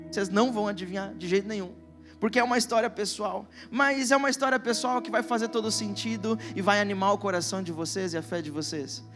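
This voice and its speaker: A middle-aged man with a Brazilian Portuguese accent preaching a sermon, telling a personal story and reading Scripture slowly and with emphasis. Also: sits high, steady tone, over music. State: emotional. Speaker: pastor. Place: church stage.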